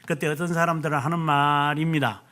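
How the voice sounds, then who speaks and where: A man's voice: fairly high pitch, little pitch movement, bright, forceful tone. Emphatic male pastor preaching. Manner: emphatic, stretches key words slowly; answers himself with "예". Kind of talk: sermon.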